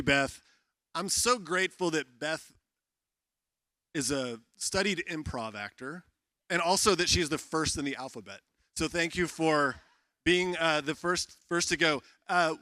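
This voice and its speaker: A man's voice: on the high side, bright, forceful tone, no room sound. A man serving as emcee on a conference stage, introducing the speakers earnestly with frequent uhs. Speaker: event emcee.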